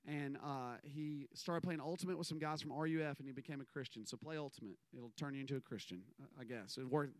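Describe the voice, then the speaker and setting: A man's voice: medium pitch, fast, few pauses, no echo. A man, giving a casual, rambling sermon full of stories and self-deprecating asides. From American South. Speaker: minister.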